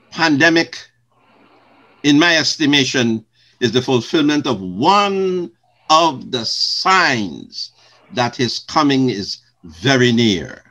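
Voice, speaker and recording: Slow, lively-pitched older pastor. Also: male voice. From Guyana. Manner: slow, measured, formal phrasing with soft laughs. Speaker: retired pastor, guest. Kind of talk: interview.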